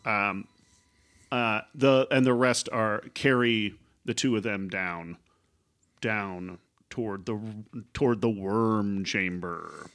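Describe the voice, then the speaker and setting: A man's voice: fairly low pitch, fairly bright tone, clear, resonant tone. A man improvising narration as game master of a tabletop role-playing game, often searching for his words. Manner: halting, searching for words as he describes scenes.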